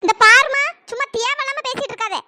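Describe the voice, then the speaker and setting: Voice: extremely high pitch, quick pace, pushed and bright, slight background noise, heavily acted. A performer voicing a scornful, bossy middle-aged mother-in-law in a cartoon story. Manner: sneering, bossy.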